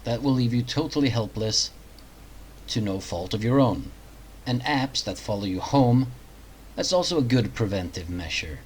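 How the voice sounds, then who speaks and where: A man's voice: medium pitch, animated, moderate pace, darkish tone, slight background noise, poor audio. A man hosting a reaction commentary video, talking in a sarcastic, mocking way.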